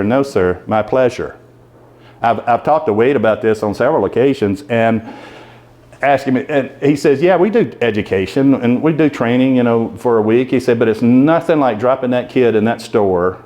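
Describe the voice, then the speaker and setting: Give me a conversational American man speaking to a club meeting about leadership, medium-pitched and easygoing, tossing questions out to the crowd. He sounds like a guest speaker working the room instead of reading a script. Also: a little mellow. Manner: conversational, asks the audience questions. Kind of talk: leadership talk to a live audience.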